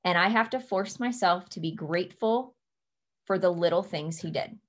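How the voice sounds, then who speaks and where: A young woman leading her team from a home office over a webcam, giving earnest, emphatic advice and slowing down to stress her key points. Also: lowish voice, a bit bright. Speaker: team leader. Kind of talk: motivational coaching talk.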